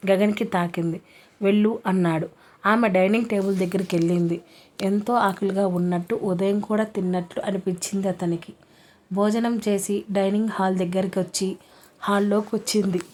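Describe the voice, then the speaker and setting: A woman's voice: mid-range voice, a little mellow. A woman narrating a romance story and reading all the characters' lines in her own voice.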